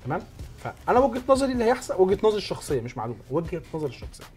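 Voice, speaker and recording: A man's voice: high-pitched, very animated, racing, darkish tone, soft background music. A man with an Egyptian Arabic accent hosting a sports talk show, explaining points emphatically, step by step.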